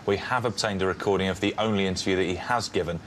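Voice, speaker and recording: Brisk man presenting a documentary. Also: deep voice, fairly even intonation, fairly bright tone, slight background noise. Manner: brisk, formal. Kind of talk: scripted presenting.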